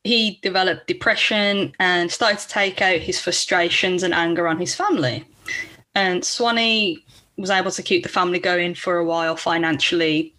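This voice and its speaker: A woman's voice: on the low side, a bit bright. Blunt, casual woman podcast host. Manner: casual and blunt, swears freely. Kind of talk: casual true-crime podcast chat.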